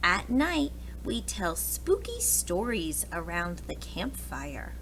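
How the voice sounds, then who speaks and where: An American preschool teacher reads a picture book aloud to young children, full of expression, questions, and asides. Her voice is on the low side, very animated, slow, and a bit bright, and the rough recording carries clearly audible background noise.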